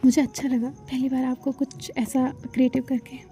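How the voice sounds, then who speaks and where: A woman's voice: sits high, little pitch movement, moderate pace, mellow, soft background music, close to an everyday voice. A woman voicing a shy, affectionate young student in a told story, talking hesitantly. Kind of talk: storytelling dialogue.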